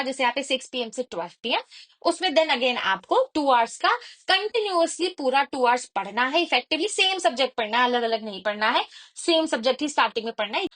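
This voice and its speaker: High-voiced young woman coaching students. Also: fairly bright tone. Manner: code-switching, repeats points, checks in with the viewer. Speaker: exam study coach. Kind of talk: explaining a study plan.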